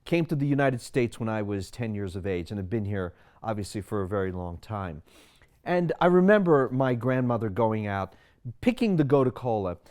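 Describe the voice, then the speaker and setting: A Sri Lankan physician in his sixties speaks to camera about his wellness philosophy, explaining it through many rhetorical questions. His voice is on the low side, darkish and animated, at normal speed.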